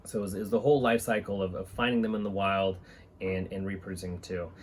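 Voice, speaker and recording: Speaking quickly in a low, level voice, a thirty-something reptile-keeping channel host reads a book aloud and talks casually to camera. He's recording in a small indoor room with reptile enclosures and a fan, with clear background room noise.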